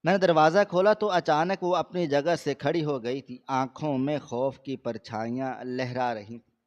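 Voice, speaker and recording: A man reading a scripted first-person story aloud in a steady, measured way. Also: mid-range voice. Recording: slightly dull lo-fi recording.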